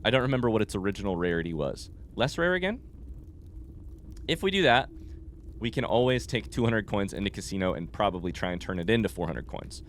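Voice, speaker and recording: With slight background noise, a sick-sounding man gives brisk, expressive commentary in a lowish voice as he streams a video game blind. His thinking aloud is rambling and informal, with mild swearing.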